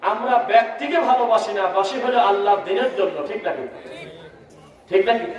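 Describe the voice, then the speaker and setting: A man with a Bangladeshi Bengali accent preaching to a crowd, asking them to answer back and chanting verses in a slow melodic recitation. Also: very high-pitched. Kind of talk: sermon at a religious gathering. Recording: very echoey hall, speaker far from mic.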